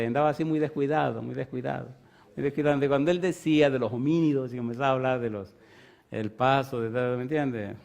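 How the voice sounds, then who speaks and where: Brief: middle-aged male pastor, chatty storytelling sermon, playful asides to the congregation. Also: mid-range voice. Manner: lively, conversational, teasing the congregation.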